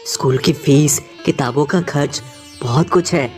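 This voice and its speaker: A woman voicing a poor hardworking maid and mother, soft and humble, in an animated story. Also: low voice, unhurried, faint music behind. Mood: gentle.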